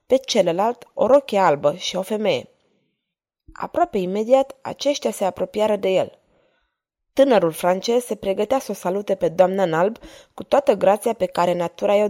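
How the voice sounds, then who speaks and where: A woman narrating a historical novel in an expressive, measured reading. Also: medium pitch. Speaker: audiobook narrator.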